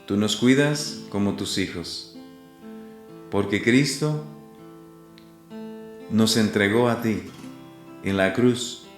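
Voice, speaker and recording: A man leading a slow, devotional prayer that drifts into half-singing. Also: lowish voice. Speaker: prayer leader. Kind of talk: slow sung prayer over guitar. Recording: roomy with guitar music. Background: guitar music.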